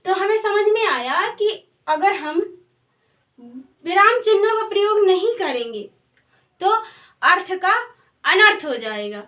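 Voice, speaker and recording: A woman's voice: extremely high pitch, lively intonation, unhurried, pauses often, sharp tone. A woman teaching a grammar lesson in a patient way, asking the class questions and answering them herself.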